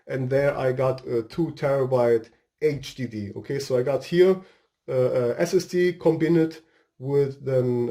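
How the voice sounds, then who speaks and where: Brief: Portuguese-accented man, a bit high-pitched and warm, casual tech reviewer, hesitant non-native English, drifts off topic. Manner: rambling, hesitant, searching for words. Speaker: tech video host. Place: home room with a fireplace.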